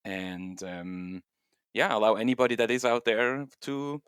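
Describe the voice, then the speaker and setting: Low-voiced man, dry sound. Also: fairly even intonation, unhurried, fairly bright tone, clear, resonant tone, no echo. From Switzerland. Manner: thoughtful, loose phrasing with many fillers. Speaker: guest, software engineer and home miner. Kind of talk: casual interview talk.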